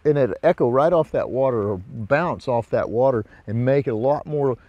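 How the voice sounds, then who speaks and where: This man, a presenter teaching hunting, gives a relaxed hands-on demo outdoors in brush near a ravine, talking in an easygoing, folksy manner. His pitch sits in the middle and his pace is normal. The recording is dry, with the highs cut off.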